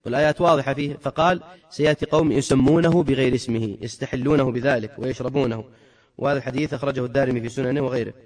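A man teaching from a religious book, reading narrations quickly and then adding emphatic commentary. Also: medium pitch, steady tone, a little mellow. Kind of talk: reading and explaining a religious text.

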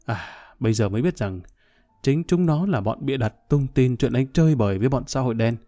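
A man's voice: medium pitch, animated, a little fast, dark tone, lightly acted. A man voicing a drunk, hot-tempered middle-aged man who rants and threatens revenge in a storybook reading. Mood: angry. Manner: blustering, vengeful rant.

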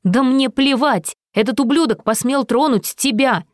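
A woman voicing a hot-tempered young male caravan leader in an audiobook, with loud, forceful outbursts. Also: medium pitch, expressive, brisk, dry recording, studio quality, voice pushed up, natural voice. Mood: angry. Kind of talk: audiobook character reading.

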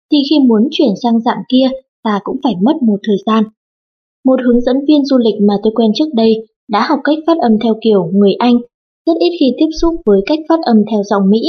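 A woman narrating an audiobook in an even, formal reading tone. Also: a little high, breathy edge. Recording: dull lo-fi audiobook recording.

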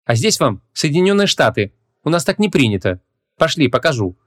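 A feisty young woman, played by a male reader speaks in a raised, lively voice with a tart, impatient edge. She sounds sharp and exasperated, a modern girl in a comic fantasy audiobook. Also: a little high, fairly quick, dry recording, clean studio sound, voice pushed up.

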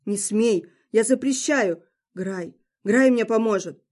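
A woman's voice: fairly high pitch, slow pace, darkish tone. A woman reading the part of a wounded, stubborn young man who talks in a strained, commanding way.

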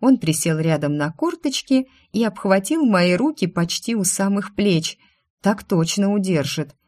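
A woman narrating a first-person fantasy story in a lively, wry, expressive way. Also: medium pitch, a little slow, no echo. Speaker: audiobook narrator.

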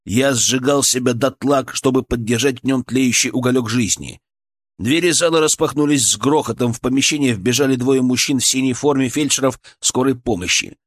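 A male audiobook narrator reading a first-person fantasy story. His delivery is tense and dramatic, and he builds urgency as he reads. He sits at an ordinary middle pitch. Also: brisk.

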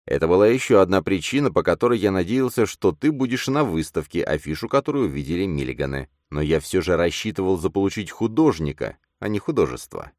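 A man voicing a fond, joking adult man in an audiobook, with a lively, slightly raised delivery. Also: low voice, fast talker, few pauses, dry recording, studio quality, pitched above the performer's own voice. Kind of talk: audiobook character reading.

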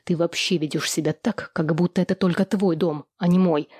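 A woman reading an audiobook, voicing a calm, firm young man. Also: on the low side, a little fast, breathy edge, no room sound, clean studio sound.

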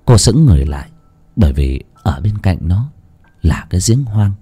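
Male audiobook narrator, horror story, low mellow voice, animated delivery, soft music behind. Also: normal speed. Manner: dramatic, expressive reading.

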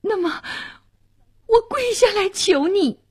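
A woman's voice: extremely high pitch, expressive, takes it slowly, a little mellow, voice pushed up, heavily acted. A woman voicing an anxious young wife who pleads plaintively, in a radio storytelling reading. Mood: pleading.

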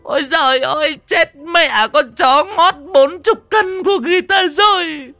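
A man's voice: very high-pitched, measured pace, gravelly, pushed and bright, no room sound, soft background music, voice pushed up, exaggerated voice. A man voicing a middle-aged village mother who shrieks and laments. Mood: shrieking.

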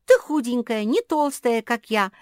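A woman doing a loud, squeaky young dog girl. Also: lively intonation, a little slow, no room sound, clean studio sound. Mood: excited.

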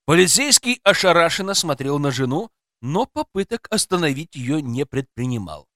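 A man's voice: on the high side, big pitch swings, moderate pace, fairly bright tone, dry recording, clean studio sound. Man narrating a tense first-person story. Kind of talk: audiobook narration.

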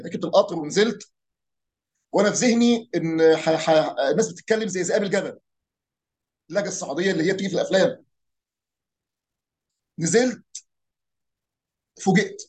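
Fast-talking Egyptian man explaining dialects. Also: high-pitched. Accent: Egyptian Arabic. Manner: animated, imitates regional pronunciations, rhetorical questions. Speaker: speaker on Arabic dialects and folk heritage. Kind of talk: casual explanatory talk.

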